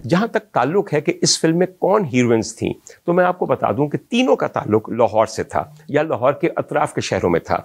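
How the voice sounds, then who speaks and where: Quick and sing-song with few pauses, a fairly high-pitched Pakistani man narrates the history of old film songs over background noise. He is a film music historian host, speaking directly to his audience in an ornate, reminiscing manner.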